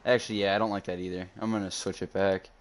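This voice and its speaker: A man's voice: low voice, level tone, quick pace. A man streaming a game, chatting casually with a friend, joking crude and laughing often. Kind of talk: casual gaming chat.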